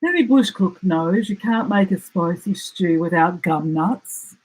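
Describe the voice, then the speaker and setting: A woman's voice: on the low side, lively intonation, a little slow, darkish tone, slightly rough, rough recording. A woman voicing a sleepy, matter-of-fact male koala with a yawning delivery. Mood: drowsy.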